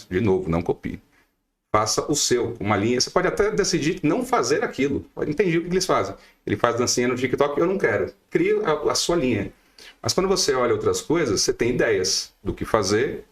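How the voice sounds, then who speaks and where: A middle-aged Brazilian man giving emphatic advice as a guest lawyer on a podcast, firing off rhetorical questions. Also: mid-range voice. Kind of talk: podcast interview.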